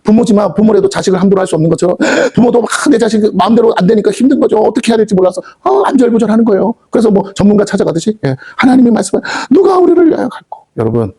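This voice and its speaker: A male pastor delivering a Sunday sermon at a rapid clip, his voice pitched a bit high for a man. He peppers the congregation with rhetorical questions and slips into God's voice with casual, heartfelt lines. The delivery is fervent and urgent. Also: lively intonation, dark tone, slightly rough. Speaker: senior pastor. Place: church sanctuary.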